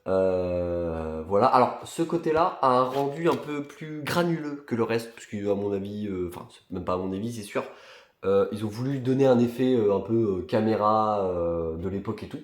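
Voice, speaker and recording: A young man vlogging casually about his new purchases, talking in a relaxed way with many fillers and restarts. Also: on the low side, moderate pace, echoey room. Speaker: collector vlogger. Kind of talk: casual chat.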